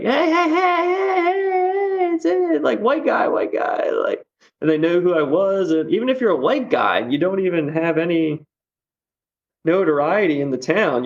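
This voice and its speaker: Man, gravelly fry, dull lo-fi sound, casual rambling chat, podcast guest. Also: mid-range voice. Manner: rambling, laughs often, many fillers. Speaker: guest musician.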